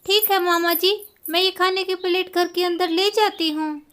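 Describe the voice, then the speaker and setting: A woman's voice: very high-pitched, fairly even intonation, normal speed, fairly bright tone. A woman voicing a respectful, coaxing young village daughter-in-law. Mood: polite. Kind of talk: storybook voice acting.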